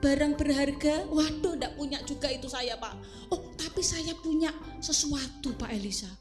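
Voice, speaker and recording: A woman's voice: high voice, normal speed, music in the background, natural voice. A woman voicing a poor widowed mother who frets and pleads in a children's story. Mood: worried. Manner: pleading, fretful.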